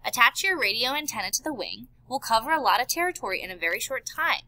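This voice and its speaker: A woman's voice: a little high, animated, fast, pushed and bright, no room sound. A woman voicing a sarcastic, scheming male ivory poacher in an audiobook. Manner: sarcastic, amused, smooth-talking.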